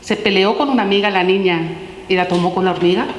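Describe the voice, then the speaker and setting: A woman's voice: medium pitch, fast, a little hiss or hum. Questioning woman in a roomy hall. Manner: asks a steady stream of gentle questions. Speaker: author presenting her book. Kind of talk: reading aloud questions from a children's philosophy book. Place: large echoey room at a public talk. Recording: roomy hall with long reverb.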